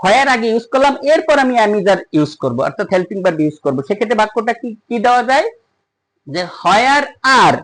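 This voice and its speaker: In this poorly recorded clip, an English teacher with a medium-pitched, highly animated voice walks through a grammar lesson step by step. Questions are directed at the listener, and the pace eases off for each example sentence.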